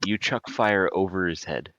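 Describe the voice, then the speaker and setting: Deep-voiced joking game master, man. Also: moderate pace, a bit bright, lo-fi sound. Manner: hesitant, full of ums, joking sports-style commentary. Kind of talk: narrating a tabletop game.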